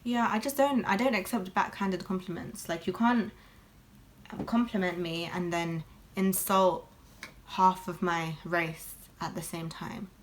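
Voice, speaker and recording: Chatting candidly through her makeup routine, a young woman speaks at a measured pace in a fairly low voice with fairly even intonation. This casual get-ready-with-me talk from a beauty vlogger is full of fillers, and a little hiss or hum is audible.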